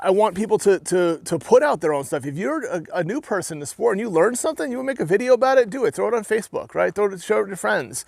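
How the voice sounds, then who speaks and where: In clean, dry studio sound, a young adult New Englander with a slightly high voice and a New Hampshire accent rants casually to his video audience about armored combat, which he fights in. He comes across as rambling and earnest, with frequent restarts and "right?" tags.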